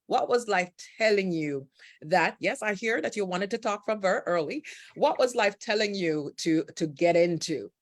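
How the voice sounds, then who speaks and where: A woman's voice: mid-range voice, animated, normal speed, no echo. Affirming host woman, dry close sound. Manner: warm-welcoming, many affirming murmurs, stacked questions. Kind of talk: interview hosting.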